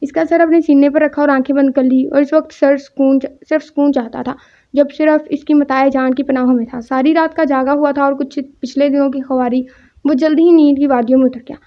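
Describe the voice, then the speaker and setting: A woman's voice: sits high, steady tone. A woman reading a romance novel aloud, narrating and speaking every character's lines in her own voice. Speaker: audiobook narrator. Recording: dull lo-fi recording.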